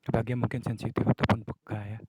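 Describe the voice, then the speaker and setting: A man's voice: lowish voice, monotone, fast, a little mellow, slightly rough, dry recording, low-quality recording. Male podcast host, casual musing delivery, dry recording. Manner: musing, gives acted examples of moods and a radio host. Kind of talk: casual solo talk.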